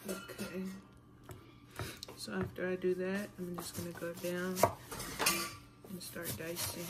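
A woman's voice: on the low side, slow pace. Chatty woman cooking in her kitchen. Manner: relaxed, chatty, talks to viewers while chopping. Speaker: cooking vlogger. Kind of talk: casual cooking demo. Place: home kitchen. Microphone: camera on counter facing her torso. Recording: knife chopping noise on board.

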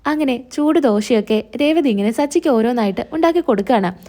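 A woman's voice: a little high, expressive, fast talker, warm tone. A woman storyteller recapping a TV serial plot in plain, flowing narration. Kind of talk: retelling a TV serial.

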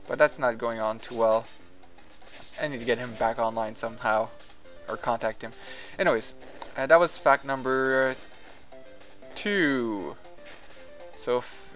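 Here the recording is low quality, carrying a mid-range, slightly bright male voice. He's a gaming vlogger, originally a French speaker, casually rambling over gameplay with hesitation and plenty of fillers.

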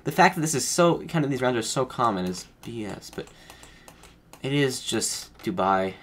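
This streamer's medium-pitched voice is animated and a bit bright at a moderate pace, though slightly off because he's feeling unwell. He rambles through casual commentary on his own game, correcting himself as he thinks aloud. A little hiss or hum is audible.

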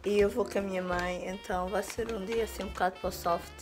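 A woman in her twenties with a hoarse, sick voice, chatting casually to a handheld camera and dropping in English words. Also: mid-range voice, steady tone, fast talker, over music. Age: 20s. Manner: informal, drops in English words. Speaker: vlogger. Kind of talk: casual vlog chat. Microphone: phone or camera at arm's length.

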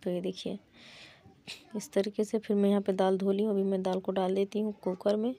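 A woman's voice: medium pitch, flat delivery, fairly quick, warm tone. A young mother chatting plainly through her cooking vlog at home, often starting lines with "to" as a filler. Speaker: mother vlogging her household day. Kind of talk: casual cooking vlog narration. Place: small home kitchen.

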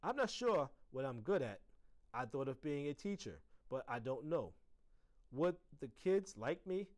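A man's voice: medium pitch, big pitch swings, a little slow, a little mellow. A man reading aloud, voicing a friendly adult male school custodian who doubts himself. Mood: unsure. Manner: friendly, wavering, unsure of himself.

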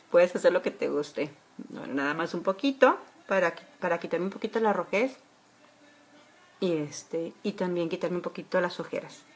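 Woman, 40s, homely beauty vlogger, rambling casual tutorial talk, slightly high voice, phone mic in a bedroom. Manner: chatty, homely, many fillers. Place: bedroom at home. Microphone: phone camera at arm's length.

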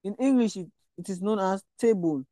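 A woman teaching vocabulary deliberately, repeating words and spelling them out. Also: mid-range voice, mellow, dry recording. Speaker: language teacher and channel host. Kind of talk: slow vocabulary lesson with repetition.

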